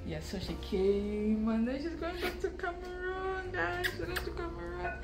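This lifestyle vlogger, a new mother in her thirties, chats to camera from inside her home, getting emotional and addressing her audience as "guys." Her pitch is extremely high, with vocal fry running through it, and she keeps a moderate pace. Music sits behind her.

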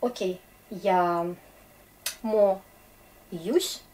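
Slow, patient Russian-accented woman teacher. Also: medium pitch, dark tone. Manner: slow, patient explaining with frequent checks. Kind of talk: grammar lesson for French speakers.

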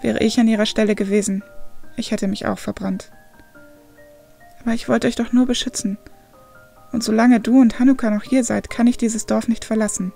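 A woman's voice: on the high side, fairly even intonation, normal speed, creaky, pauses often, faint music behind. A woman playing a guilt-ridden older brother. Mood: guilty confession. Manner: quiet, heavy, confessional.

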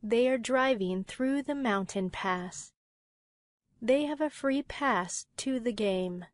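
A woman reading vocabulary words and example sentences slowly and plainly. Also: a little high, no room sound, clean studio sound. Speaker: vocabulary lesson reader. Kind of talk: slow read example sentences.

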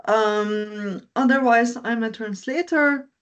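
Twenties woman from Slovenia, Slovene first language; very slow pace, lo-fi video-call sound. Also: on the high side. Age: 20s. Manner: slow, deliberate, soft laughs. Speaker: guest. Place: indoors at home. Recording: dull lo-fi video call audio.

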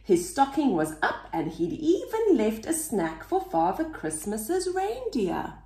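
A woman reading a picture book aloud to children in an expressive, sing-song way. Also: a little high, a little slow, roomy sound, a little hiss or hum. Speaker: children's story reader.

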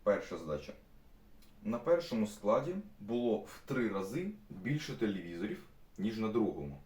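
A man's voice: on the low side, very animated, normal speed, a little mellow. A young man teaching a math lesson, walking students through each step and repeating himself with fillers. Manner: stops often to restate steps with fillers. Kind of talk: explaining math problems to students. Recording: echoey room, mic at a distance.

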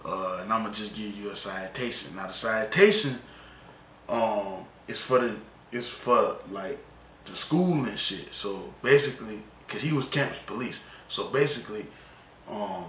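A man's voice: fairly low pitch, moderate pace, slight background noise. A young man rambling through a storytime vlog in casual slang, often tagging on "you know what I'm saying". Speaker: vlogger telling a story. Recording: echoey room with loud music behind.

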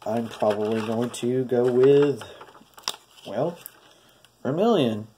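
A man's voice: mid-range voice, slow pace, noisy background. A man with a nasal, stuffy voice, hesitantly talking through a DIY painting tutorial step by step and hoping it turns out well. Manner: hesitant, hopeful, talks through each step. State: stuffy, congested. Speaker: craft tutorial host.

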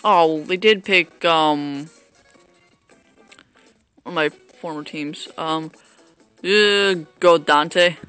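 Bright, dry-voiced man rambling over gameplay. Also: on the high side, drawn-out words, pauses often, clear, resonant tone, dry recording, soft background music. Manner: rambling, self-mocking, hesitant with fillers. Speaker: gameplay commentator. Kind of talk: casual gameplay commentary.

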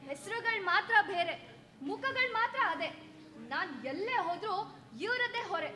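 The bitter spirit of a dead young wife, acted by a woman in a stage drama, reproachful and cutting. The voice sits very high and sounds bright. The recording rings with stage echo. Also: moderate pace, a little hiss or hum. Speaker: stage actor.

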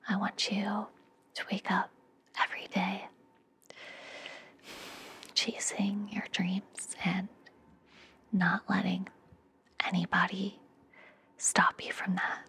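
Slow and level, with long pauses, a young adult woman whispers soothing affirmations and guided relaxation for her ASMR podcast. Her mid-range, breathy, reassuring whisper is picked up indoors by a fluffy-covered microphone held very close to her mouth.

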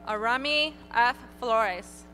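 A woman reading graduates' names one by one at an outdoor graduation ceremony, in a clear, measured announcing manner. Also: fairly high pitch, pushed and bright, faint music behind. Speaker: graduation name reader. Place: outdoor stadium ceremony over PA.

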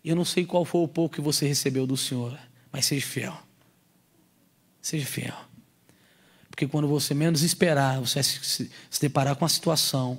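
A man preaching to a congregation at a youth service. He is animated and slangy, joking and acting out little scenes as he preaches. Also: medium pitch, slightly rough. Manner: slangy, casual street talk. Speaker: pastor. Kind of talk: sermon at a youth church service.

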